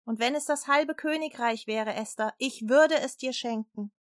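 A woman's voice: on the high side, moderate pace, no room sound, studio quality, natural voice. A woman voicing a powerful king in a storybook, speaking in grand, emphatic questions. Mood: generous. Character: mighty male king, generous, then outraged.

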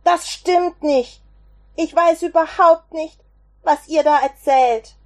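A woman voicing a frightened male disciple who makes loud, flustered denials. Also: high voice, animated, extremely slow, voice pushed up, exaggerated voice. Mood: panicked denial.

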